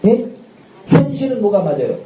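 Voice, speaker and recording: A male pastor preaching a sermon with lively energy, often shouting out dramatic lines and laughing. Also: sits high, moderate pace. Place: church sanctuary at a Friday night service. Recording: echoey church hall, distant mic, faint noise.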